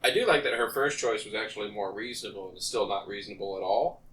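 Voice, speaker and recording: A man co-hosting a podcast, chatting casually and getting animated when he acts out characters. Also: on the low side, fast talker, rough recording. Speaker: podcast co-host. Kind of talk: casual chat.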